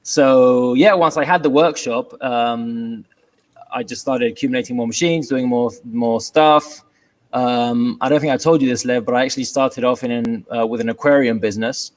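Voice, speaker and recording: A man with a British London accent, speaking on a video call as an interview guest. He talks in an easygoing, unhurried way, stopping often on fillers. A dry, wry humor runs through his answers. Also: mid-range voice. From England. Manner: relaxed, hesitant with many ums, wry humor. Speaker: guest, furniture maker.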